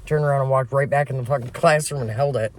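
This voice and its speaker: A woman's voice: a bass voice, fast, slight background noise. Profane, laughing woman telling stories. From Flint, Michigan. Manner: profane, laughing, animated storyteller. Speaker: podcast co-host. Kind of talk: casual chat, storytelling.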